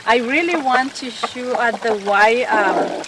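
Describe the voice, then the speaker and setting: A backyard chicken keeper from El Salvador speaks slowly in a voice that sits a little high, friendly despite her slightly broken English. She is recorded from a distance in the yard, with background noise and chickens audible.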